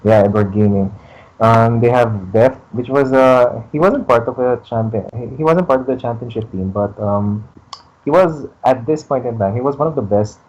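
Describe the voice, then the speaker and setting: A man chatting on an esports podcast, talking hesitantly with many restarts and fillers, heard over a low quality stream. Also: moderate pace, darkish tone, poor audio. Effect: low quality stream audio. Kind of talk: casual podcast chat over a call.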